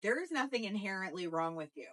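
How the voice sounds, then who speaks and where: A woman in a casual wellness podcast chat, speaking in a calm, encouraging, reflective way. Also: mid-range voice, quick pace.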